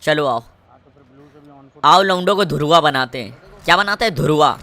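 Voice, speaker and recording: Brash Kanpur gamer, bright voice. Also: male voice, fairly high pitch, expressive, measured pace. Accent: Kanpur Hindi. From Kanpur, India. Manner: swaggering, crude trash talk, shouting at enemies. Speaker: mobile gamer. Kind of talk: live gameplay commentary.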